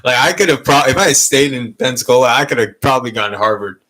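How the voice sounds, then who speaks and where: Fast-talking and forceful, this man in his thirties from Malaysia has a bright, mid-range voice. As a podcast co-host chatting casually, he tells candid, meandering stories, swearing often and laughing along.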